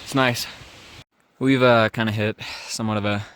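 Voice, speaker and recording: A man's voice: lowish voice, normal speed. Laid-back guy talking a hike on a handheld cam, outdoors, faint background hiss. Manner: relaxed, chatty, many fillers. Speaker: hiking vlogger. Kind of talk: casual narration on a hike. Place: outdoors on a mountain trail.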